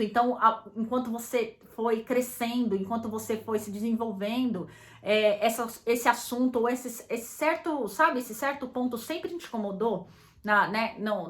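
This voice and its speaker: Uma mulher com sotaque brasileiro dá conselhos sobre relacionamentos numa conversa casual, falando direto com quem ouve, com muitas pausas e recomeços. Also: female voice, a little high, pushed and bright. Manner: thoughtful, many restarts and fillers, addresses listeners directly. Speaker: relationship advice speaker. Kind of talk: casual advice talk.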